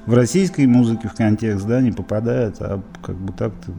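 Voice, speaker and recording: Low, mellow-voiced Russian man reminiscing. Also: fairly quick, gravelly, soft background music. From Izhevsk, Russia. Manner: rambling, many fillers and restarts. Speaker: interviewee, musician. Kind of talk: casual interview reminiscing.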